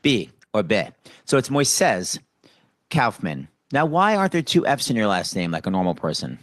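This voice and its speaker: A man's voice: fairly low pitch, very animated, moderate pace, no echo, clean studio sound. A man interviewing a guest in a playful, joking way. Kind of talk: casual interview.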